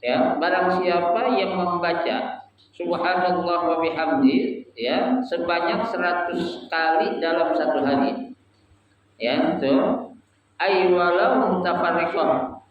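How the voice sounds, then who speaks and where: Man, religious teacher, fairly high voice, questions the audience, sing-song chanting, distant dull echoey recording. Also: measured pace, a little hiss or hum. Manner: asks the audience questions and lets them answer. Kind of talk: Islamic study lesson to a live group. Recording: echoey room, voice from far off, dull sound.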